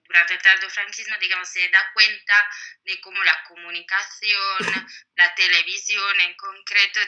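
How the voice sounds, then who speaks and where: Speaking as an author in an interview, this Italian woman answers in her native accent, pausing often and leaning on fillers as she thinks. Her mid-range voice comes across bright and forceful despite a muffled recording.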